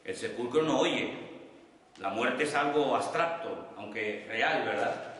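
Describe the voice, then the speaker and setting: A man from teaching a Bible study class as pastor, speaking slowly and repeating key terms so his students can note them down. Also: medium pitch, expressive, fairly bright tone. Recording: echoey hall, voice from far off the mic.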